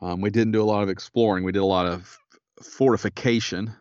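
Very deep-voiced tired man, dry dull sound. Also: fairly even intonation, darkish tone, smooth, dry recording. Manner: laid-back, unhurried, a bit tired. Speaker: podcast co-host. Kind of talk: casual chat.

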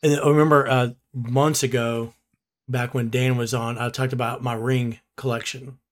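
A man's voice: medium pitch, little pitch movement, moderate pace. Easygoing man rambling in mid voice. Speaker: podcast co-host. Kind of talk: casual chat.

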